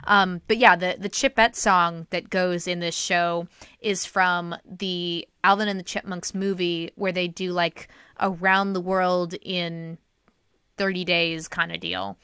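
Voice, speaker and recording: Bright, crisp-voiced woman chatting. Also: lowish voice, slow pace, no room sound, clean studio sound. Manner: animated, rambling storyteller, breaks into singing. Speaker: podcast host. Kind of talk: casual chat.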